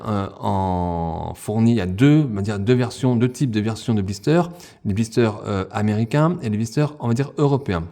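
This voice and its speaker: Mellow-voiced man reviewing toys. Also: lowish voice. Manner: hesitant, many fillers, addresses viewers as friends. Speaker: toy reviewer. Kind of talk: unboxing review, casual chat.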